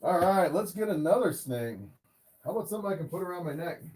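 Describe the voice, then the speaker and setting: Higher-pitched man chatting casually on livestream. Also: expressive, fast, darkish tone, a little hiss or hum, rough recording. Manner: easily amazed, often chuckling between remarks. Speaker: snake keeper hosting a livestream. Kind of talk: casual livestream chat, showing animals to viewers.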